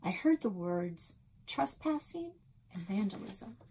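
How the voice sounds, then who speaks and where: A woman reading a children's novel aloud as narrator, in an expressive, steady storytelling manner. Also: mid-range voice, takes it slowly, slight background noise.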